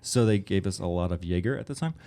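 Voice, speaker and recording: A man's voice: low-pitched, lively intonation, fast talker, mellow. A man, a music producer, giving a live conference workshop to an audience in a room, talking in a casual, rambling way full of fillers and asides.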